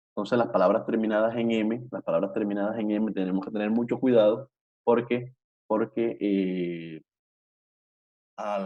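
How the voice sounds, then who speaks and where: Male teacher, online class: mellow, patient, repetitive explainer on a dull, lo-fi call mic. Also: lowish voice. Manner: patient, repetitive, checks understanding with frequent tag questions. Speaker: Portuguese teacher. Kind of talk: online language lesson.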